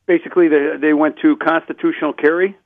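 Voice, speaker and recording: Man, radio caller, tinny phone line, gravelly, eager, apologetic. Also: a little high, fairly even intonation, fast, no room sound. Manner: eager, apologetic when interrupting. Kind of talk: phone-in conversation.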